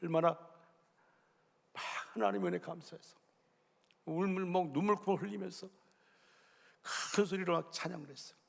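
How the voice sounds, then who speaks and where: A middle-aged man preaching a sermon as senior pastor, telling a personal story with emotion, dropping to a hush and then rising fervently. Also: high-pitched, fairly even intonation, normal speed, gravelly, pauses often. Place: church sanctuary. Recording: long reverb of a church hall.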